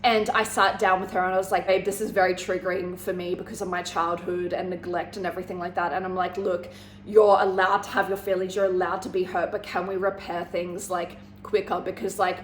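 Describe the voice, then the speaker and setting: A woman's voice: on the low side, level tone, a little fast. A woman giving casual relationship advice to her viewers, blunt and sweary, often checking in with "okay?" and "guys". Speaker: relationship vlogger. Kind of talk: casual advice monologue to camera. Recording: echoey room with faint background hiss.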